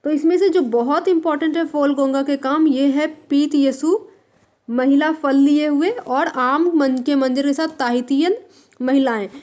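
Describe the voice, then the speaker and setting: A woman teaching art for exam prep, writing on a board and repeating terms slowly for students to note down. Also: high-pitched, fairly even intonation, a little mellow. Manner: writes on a board while dictating.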